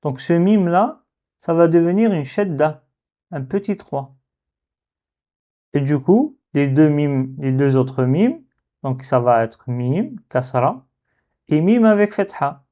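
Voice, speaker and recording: A man teaching a lesson on Arabic letters, slowly thinking aloud as he works through a dictation exercise. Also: a little high, expressive, mellow. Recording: dull lo-fi sound.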